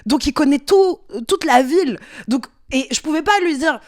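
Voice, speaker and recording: A woman's voice: high voice, expressive, moderate pace, a little mellow, no room sound, studio quality. A young woman hosting a podcast, telling a story in a casual, slangy way with lots of fillers and restarts. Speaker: podcast host.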